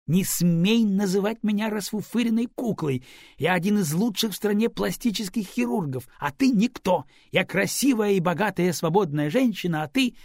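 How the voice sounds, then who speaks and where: A man voicing a haughty, quick-tempered rich woman who speaks with indignant, raised delivery. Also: fairly high pitch, animated, darkish tone, husky, dry recording, studio quality, pitched above the performer's own voice.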